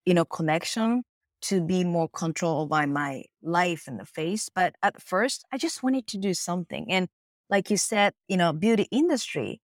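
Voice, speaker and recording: This time her voice sounds fairly low, with lively intonation and a moderate pace, and there's no room sound. The middle-aged Japanese-accented face yoga teacher reflects earnestly on her story in interview answers, frequently quoting lines.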